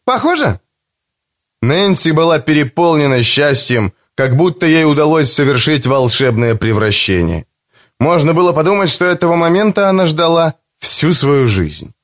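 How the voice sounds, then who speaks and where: Выразительный мужчина-чтец. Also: male voice, fairly high pitch, big pitch swings, normal speed. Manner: emotional, dramatic. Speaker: audiobook narrator. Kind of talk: expressive first-person literary narration.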